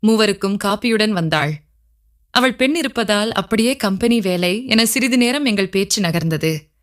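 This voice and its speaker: A woman storyteller reading a scripted story in a steady, even narrative voice. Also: medium pitch, moderate pace.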